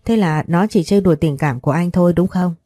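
A woman's voice: fairly low pitch, fast talker, dark tone, husky, no room sound, soft background music. Woman doing a coaxing, scheming sister.

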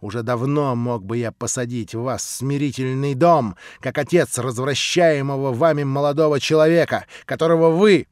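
A man doing a smooth, scheming old prince. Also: mid-range voice, moderate pace, few pauses, no echo, clean studio sound, close to an everyday voice. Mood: sneering. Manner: smooth, ingratiating, then sneering. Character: scheming, condescending aristocratic older prince.

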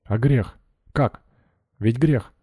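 A man's voice: lowish voice, moderate pace, warm tone, no echo, natural voice. A man voicing a stern, prying middle-aged miller questioning his worker in an audiobook.

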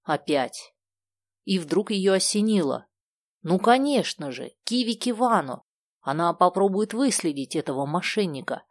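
A woman narrating a children's book in a steady, clear storytelling manner. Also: lowish voice, moderate pace, no room sound, clean studio sound. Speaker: audiobook narrator. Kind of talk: scripted narration.

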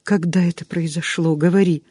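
A man's voice: fairly high pitch, fairly even intonation, normal speed, dark tone, slightly rough, dry recording, studio quality. A man voicing an anxious young noblewoman who pleads for news in a faltering way.

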